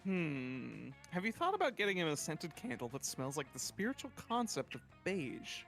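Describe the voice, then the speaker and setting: Brief: haughty, fashionable game reaper, played by a man, theatrical sass, lively pitch, slightly high. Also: moderate pace, creaky, faint music behind, heavily acted. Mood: sassy. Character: sassy, vain, fashionable socialite reaper.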